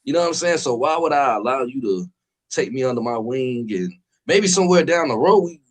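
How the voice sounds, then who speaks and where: A man co-hosts a casual boxing podcast, rambling in slangy language and constantly checking in with listeners by saying "you know what I'm saying." His medium-pitched voice is expressive and a little fast.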